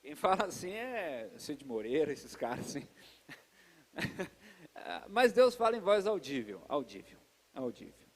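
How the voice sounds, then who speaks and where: High-pitched guy preaching, chatty and lively, talks right to the crowd, big echoey church hall. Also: takes it slowly, long pauses. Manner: lively and chatty, addresses the congregation directly. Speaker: pastor. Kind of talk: conversational sermon. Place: church service.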